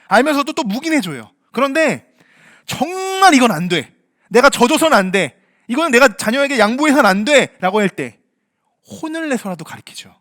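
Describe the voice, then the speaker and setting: A man preaching a sermon as pastor, a parent himself, acting out quoted voices and swinging from loud to hushed. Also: extremely high pitch, no echo, clean studio sound.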